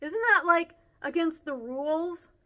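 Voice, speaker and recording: A woman voicing an obnoxious boy classmate who sticks to the rules, in a loud know-it-all tone. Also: very high voice, expressive, a little slow, pitched above the performer's own voice, heavily acted. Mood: smug.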